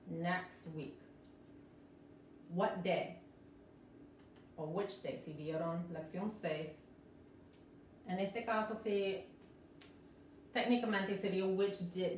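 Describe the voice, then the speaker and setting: A woman teaching a live-streamed English lesson, explaining slowly and repeating each word several times, with American English when she models words. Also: on the low side, darkish tone, slight background noise. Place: indoor room, live stream. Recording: roomy echo from a distant mic.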